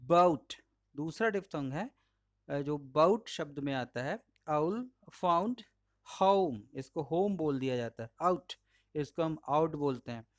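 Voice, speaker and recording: Man, Indian English accent, Hindi native, slow deliberate delivery, dry close sound. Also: fairly high pitch, animated, no echo. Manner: slow, patient, models each word aloud. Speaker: English pronunciation teacher. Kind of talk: slide-based lesson.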